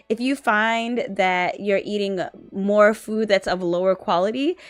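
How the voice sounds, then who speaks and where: A woman's voice: medium pitch, dry recording. A woman in her twenties chatting casually on a stream, rambling and full of filler words, sometimes sleepy. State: sleepy, yawning. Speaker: guest on husband's art stream. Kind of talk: casual chat.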